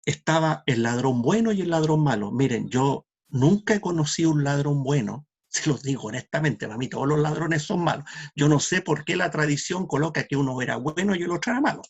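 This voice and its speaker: Male pastor, sermon delivery; gravelly, a bit husky, earnest, drops to near-hush for emphasis. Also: on the high side, expressive, brisk, few pauses, dull audio. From Chile. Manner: heartfelt, earnest preaching that drops to a soft hush; quietly acts out the voices of the people he quotes.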